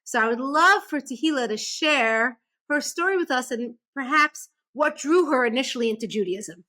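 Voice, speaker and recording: A woman hosting a podcast, chatting casually and warmly with a friend she is interviewing, bubbly and animated. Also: high voice, normal speed. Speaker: podcast host.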